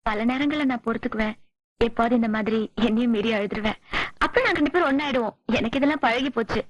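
A woman playing a gentle young bride, high and quick. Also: dry recording, lightly acted. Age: young adult. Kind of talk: 1990s Tamil film acting.

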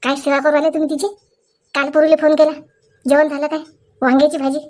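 An indignant, protective middle-aged mother of a bride, played by a woman makes accusations in a Vidarbha Marathi accent. Her voice is high for a woman. The scene comes from a comic family skit. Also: little pitch movement, fast, natural voice. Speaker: actor in a comedy skit.

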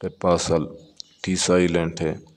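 Very slow, deep-voiced male teacher. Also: flat delivery, big-room sound. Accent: Pakistani. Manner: reads English words slowly, then explains them in Urdu-flavoured Hindi. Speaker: English teacher. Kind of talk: textbook exercise walkthrough.

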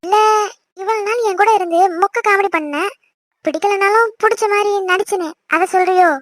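A woman's voice: very high voice, fairly quick, no echo, studio quality. A woman voicing a teasing, bossy young older sister in a family cartoon, with a chirpy voice. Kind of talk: cartoon voice acting.

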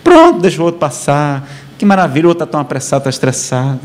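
A man's voice: fairly high pitch, fast talker. A man with a Brazilian accent giving a spiritual lecture to a live audience, conversational and humorous, constantly tagging his sentences with rhetorical questions. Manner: rhetorical questions, frequent "não é?" tags; lively, conversational preaching with humor. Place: lecture hall before an audience.

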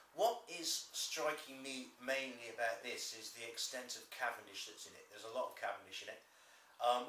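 A man's voice: medium pitch, bright, forceful tone, a little hiss or hum. A man reviewing pipe tobacco in a rambling, chatty way with many restarts. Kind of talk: casual video chat. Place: room at home. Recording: echoey room, mic at a distance.

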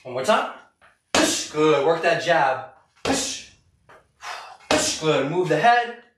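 A man's voice: a little high, expressive, extremely slow. A middle-aged man coaching a live boxing workout with short, punchy, encouraging cues while hitting a punching bag. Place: garage gym, indoors, camera several metres away. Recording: echoey noisy garage, far from mic.

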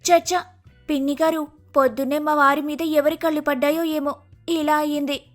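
A man voicing a fussy, dramatic young wife in a shrill falsetto, fretting and scolding. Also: flat delivery, moderate pace, faint music behind. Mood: fussing.

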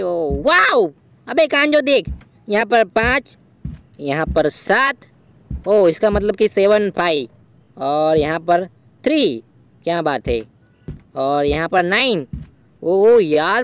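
A man's voice: sits high, smooth, no echo, exaggerated voice. Shiva, a man doing a brash young game hero. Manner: brash, bossy, quick to shout threats. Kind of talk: playful gameplay voiceover dialogue.

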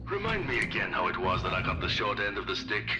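A man's voice: low-pitched, very animated, quick pace. A grumbling field crewman. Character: weary, grumbling male crew member in the field. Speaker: game character, crew member in the field. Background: game music.

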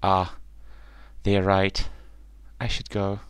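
A man voicing a sad, lonely young duckling in a storybook reading, speaking softly and downcast. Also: low voice, completely flat delivery, slow pace, clear, resonant tone, no echo. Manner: soft, downcast.

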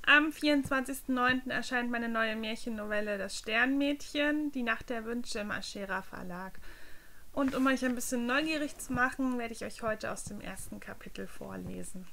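A woman author reading her fairy-tale novella aloud with clear, even storytelling. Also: fairly high pitch, normal speed, slight background noise.

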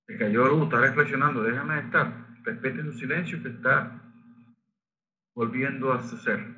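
A man facilitating a Reiki workshop, explaining techniques and leading the group in slow chanting. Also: mid-range voice, bright, forceful tone, lo-fi sound. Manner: leads group chanting of Japanese phrases, slow and sung. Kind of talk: spiritual workshop teaching.

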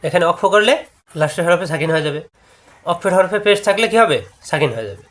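High-voiced man teaching Quran recitation. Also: a bit bright. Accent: Bangladeshi Bengali. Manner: explains rules step by step, then chants verses slowly. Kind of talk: tajweed lesson with chanted recitation.

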